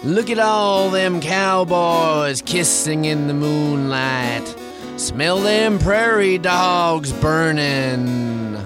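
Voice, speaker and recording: Man doing a self-loathing cowboy, slow drawl, guitar music behind. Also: fairly high pitch, animated. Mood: gloomy. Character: self-loathing cowboy muttering strange lines.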